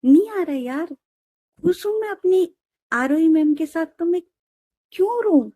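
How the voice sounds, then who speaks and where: A woman's voice: fairly high pitch, a little fast, mellow, no echo, clean studio sound. A woman voicing a blunt young bride who refuses to cry, exasperated, in a storybook reading. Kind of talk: storybook narration.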